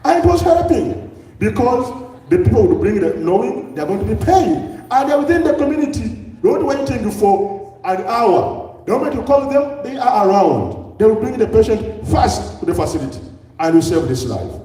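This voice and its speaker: A man's voice: sits high, big pitch swings, normal speed, mellow. Ugandan man lecturing in an echoey hall. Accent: Ugandan English. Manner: asks the audience many rhetorical questions. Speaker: public health speaker. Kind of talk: lecture to a live audience. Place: large hall with an audience. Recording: echoey hall, distant mic.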